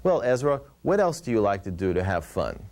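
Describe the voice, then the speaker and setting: A man's voice: lowish voice, sing-song, brisk, darkish tone. A man hosting a puppet show as the ventriloquist straight man, asking questions in a patient, instructive way. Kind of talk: scripted puppet show patter.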